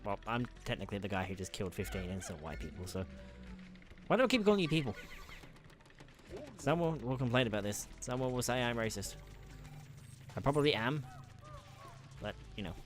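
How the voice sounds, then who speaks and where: A man's voice: lowish voice, expressive, a little fast, faint music behind. A man giving casual, chatty commentary while playing a video game, muttering to himself, swearing freely and sounding exasperated at the game. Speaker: let's play gamer.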